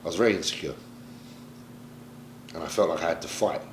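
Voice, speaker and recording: A man's voice: low-pitched, brisk, a little hiss or hum. A man from Britain, a pro bodybuilder, talking candidly and emotionally in a sit-down interview, swearing casually as he reflects. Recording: roomy echo, faint ambience.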